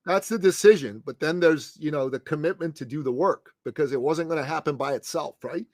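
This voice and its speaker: A Middle Eastern success coach in his late fifties talks in a podcast interview, his voice a little high, brisk and somewhat mellow. He's emphatic and punchy, calling the host "brother" and "man," and the recording is dry with clean studio sound.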